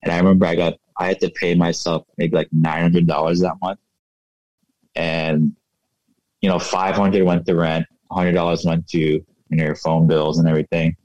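Deep monotone guy in his 30s, laid back, lots of "you know", kinda dull dry sound. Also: normal speed, dry recording. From United States. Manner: relaxed, reflective, many fillers like "you know". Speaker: guest, fashion entrepreneur. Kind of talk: casual interview.

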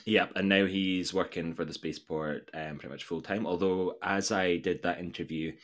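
A man chatting casually as a podcast co-host, speaking hesitantly with frequent pauses. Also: sits low, steady tone. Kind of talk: casual chat.

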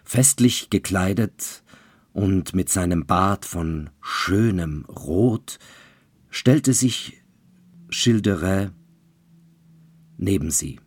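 A male storyteller narrating a dark legend in a measured, deliberate way. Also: deep voice, animated, husky, no room sound. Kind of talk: fairy-tale storytelling.

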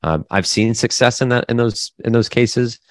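A man from the American Midwest, talking casually as an interview guest, halting with many fillers and restarts. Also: medium pitch, no room sound. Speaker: guest business owner.

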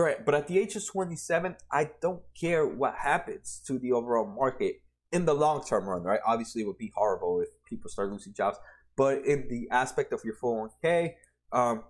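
A man in his twenties with a mid-range, slightly breathy voice explains retirement funds over slides. He's a personal finance explainer who keeps it casual, often restarting sentences and tacking on "right?"

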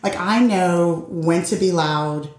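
A woman's voice: on the low side, takes it slowly. Earnest woman in an echoey room. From Puerto Rico. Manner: earnest, expressive, acts out quoted voices. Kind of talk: candid group conversation.

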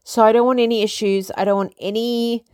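A woman from Africa, hosting a casual solo podcast from her small flat. She rambles in an upbeat way and repeats words. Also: on the high side, fairly quick, clean tone, no echo, clean studio sound. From South Africa. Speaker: podcast host.

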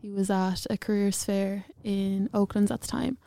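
A woman's voice: medium pitch, steady tone, moderate pace, creaky, dark tone. A young woman from County Offaly in Ireland with an Irish Midlands accent, chatting casually as a student guest in an interview. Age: young adult.

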